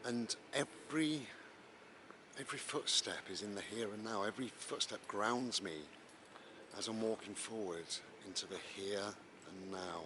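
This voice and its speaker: A man giving a casual, unhurried spoken meditation as he walks outdoors, often repeating his phrases. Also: fairly low pitch. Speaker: vlogger guiding mindfulness and breathing. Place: outdoors, walking in the countryside. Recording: noisy outdoor walking recording.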